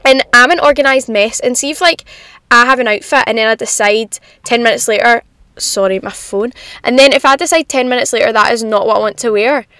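A young woman talks in a fairly high voice, close and dry. She hosts a casual, confiding solo podcast full of animated slang and self-deprecating humour. She sits in a parked car with rain on the roof. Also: a little fast, clear, resonant tone, dry recording. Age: young adult. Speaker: podcast host.

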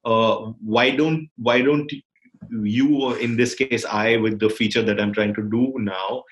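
A man's voice: on the low side, fairly even intonation, unhurried, low-quality recording. A man with an Indian accent in reflective conversation, searching for words and repeating phrases as he thinks. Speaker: filmmaker.

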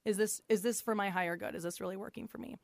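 A woman on a talk show earnestly sharing wellness tips, gentle and full of restarts. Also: mid-range voice, fairly even intonation, quick pace, vocal fry, no room sound. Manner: earnest, gentle advice-giving with many restarts. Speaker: guest wellness coach. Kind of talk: casual talk show chat.

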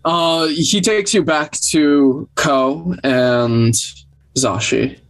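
Slow-paced woman running a tabletop game. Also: deep voice. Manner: casual, halting. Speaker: game master. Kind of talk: narrating a tabletop role-playing game.

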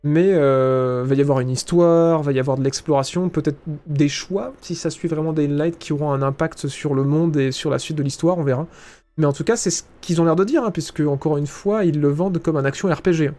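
A man's voice: a little high, fairly quick, mellow. Casual French-accented male streamer. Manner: casual, hesitant with many fillers. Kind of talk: live stream commentary reading chat.

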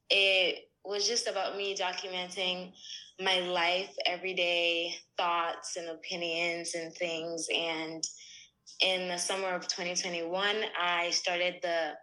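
Twenties woman guest, unhurried and casual, bright tone. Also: fairly low pitch, low-quality recording. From Ghana. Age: 20s. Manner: relaxed, easygoing, with fillers and laughs. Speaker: podcast guest. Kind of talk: casual interview talk.

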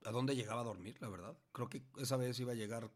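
A middle-aged man with a Mexican Spanish accent casually tells his grown child a story, slangy and animated, often restarting his sentences. He speaks fast in a mid-range voice.

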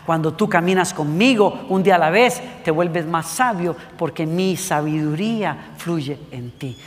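A man voicing God as a calm, patient presence speaking quietly and lower to a young believer. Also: unhurried, big-room sound, natural voice. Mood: calm, instructing.

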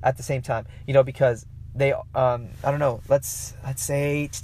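A man's voice: mid-range voice, flat delivery, measured pace, a little mellow. A man hosting a casual solo podcast, talking to his listeners in a rambling, conversational way with lots of fillers and restarts. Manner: rambling and conversational, with many fillers and self-corrections; addresses listeners directly. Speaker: podcast host.

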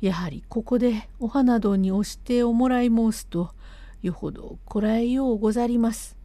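A man's voice: extremely high pitch, normal speed, mellow, dry recording. A woman voicing a young male disciple who fakes illness, humbly refusing in old-fashioned polite speech. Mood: politely declining.

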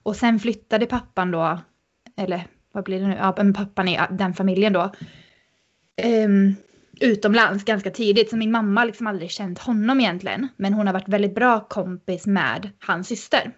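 Woman, podcast guest, animated casual storytelling, filler-heavy, medium pitch, muffled recording.

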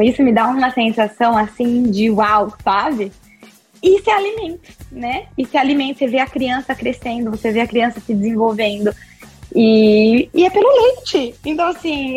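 A woman, a podcast guest telling her story in an expressive, chatty way with lots of tag questions. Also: fairly high pitch, breathy edge. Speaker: podcast guest, breastfeeding consultant. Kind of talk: casual interview chat.

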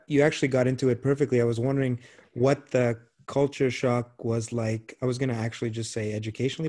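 A man hosting a podcast, asking friendly questions in a halting way with repeated words. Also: mid-range voice, dark tone. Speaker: podcast host. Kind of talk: podcast intro and interview.

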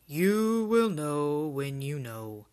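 A woman voicing a kind, fatherly old king who speaks slowly and patiently in a lowered voice. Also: big pitch swings, darkish tone, heavily acted. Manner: slow, low and patient.

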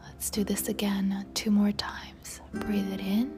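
A woman guiding a meditation in a soft, breathy spa whisper, soothing and tender toward the listener. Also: medium pitch, flat delivery, takes it slowly. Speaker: meditation guide. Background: music.

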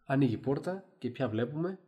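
A man's voice: medium pitch, lively intonation, highs cut off. A man co-hosting a casual discussion podcast, retelling a story animatedly, with frequent fillers and restarts. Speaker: podcast co-host.

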